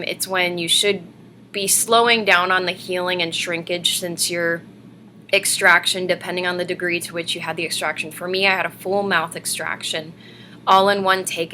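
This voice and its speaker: A woman gives a casual, chatty vlog update in a bright, forward voice that sits a little low. She rambles along to camera at home, with faint noise in the recording. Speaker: vlogger hosting a personal denture diary. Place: living room at home, indoors. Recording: noisy webcam room recording.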